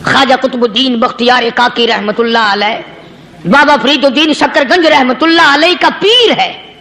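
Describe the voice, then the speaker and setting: A man's voice: extremely high pitch, creaky, bright, forceful tone. A male Islamic preacher telling a moral story in a sermon, in an emphatic, repetitive storytelling way.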